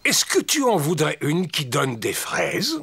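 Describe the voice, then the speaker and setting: A man voicing a kindly, jolly old grandfather pig with a gruff, husky voice in a children's cartoon. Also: a little high, huge pitch swings, measured pace, a bit bright, exaggerated voice. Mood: kindly, helpful. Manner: jolly, indulgent.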